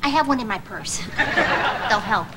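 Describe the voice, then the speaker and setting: An actress playing a sugary, condescending office secretary in a sitcom. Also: female voice, high-pitched, expressive, a little slow, very noisy. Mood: syrupy. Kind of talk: sitcom acting. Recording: sitcom audio with loud studio audience laughter.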